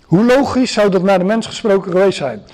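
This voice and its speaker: Male preacher, high voice, teaching sermon, halting delivery with many fillers. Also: darkish tone. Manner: explanatory, many hesitations and restarts.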